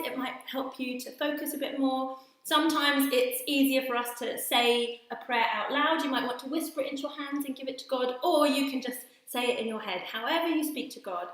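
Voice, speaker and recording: A woman presenting a children's church session, playful and giggly, then slow and gentle as she leads a prayer. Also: high-pitched. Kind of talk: children's talk and guided prayer. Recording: very echoey room.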